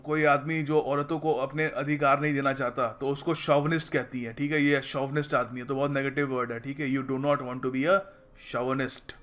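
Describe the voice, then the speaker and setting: A man teaching English vocabulary in Hindi, reading example sentences slowly and explaining them in a casual classroom manner. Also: medium pitch, flat delivery, fairly bright tone. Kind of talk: explaining lesson.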